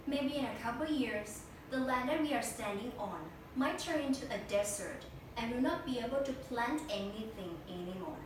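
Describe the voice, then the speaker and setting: A young woman recites a memorized speech for a competition, stiff and deliberate. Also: fairly high pitch. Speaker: speech contestant. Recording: echo-heavy room, distant mic, noisy.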